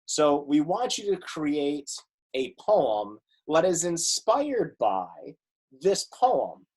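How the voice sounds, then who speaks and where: A man teacher explaining a poem in a casual, relaxed way, with many "you know" fillers. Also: fairly high pitch, slow pace, breathy edge. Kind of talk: classroom lesson.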